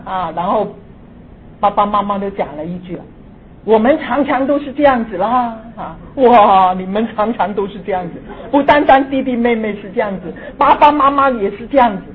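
A woman in her sixties telling a personal ghost story, moving between hushed and excited. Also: mid-range voice. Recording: tinny phone-like audio with faint hiss.

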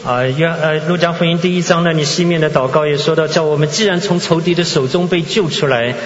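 High-voiced male preacher. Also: fast talker. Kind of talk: sermon in short phrases, paused for interpretation. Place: large conference hall. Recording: muffled, echoey large hall PA.

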